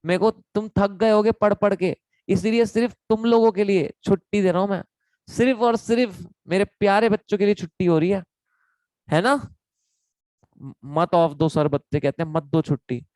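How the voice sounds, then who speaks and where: A man's voice: sits high, normal speed, a little mellow, dry recording, rough recording. A man teaching an online class in a chatty, joking way, talking to his students as kids. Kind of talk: casual online lecture.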